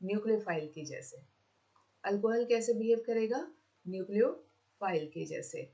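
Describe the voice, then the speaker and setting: A woman's voice: mid-range voice, animated, normal speed, mellow, dull audio. A woman teaching a chemistry class, with an Indian accent in her English. She mixes Hindi and English, repeats each question and answers it herself, and talks to her students fondly as children. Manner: switches between Hindi and English. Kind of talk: classroom lecture.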